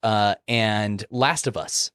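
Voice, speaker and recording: A man's voice: lowish voice, takes it slowly, a bit bright, clean tone, no room sound, studio quality. A young man hosting a podcast, joking and laughing often in casual banter. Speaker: podcast host.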